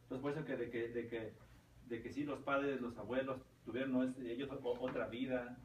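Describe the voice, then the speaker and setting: A man leads a relaxed Bible class, rambling and dotting his points with tag questions. He sounds set back from the mic in a roomy space, with faint noise underneath. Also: mid-range voice, normal speed, far from the mic, lo-fi sound. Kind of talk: informal Bible teaching.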